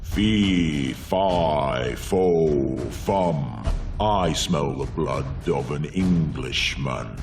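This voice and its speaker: Booming bloodthirsty giant. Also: male voice, recorded from a distance, over music, heavily acted. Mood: menacing. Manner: slow booming chant. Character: huge menacing male giant, bloodthirsty.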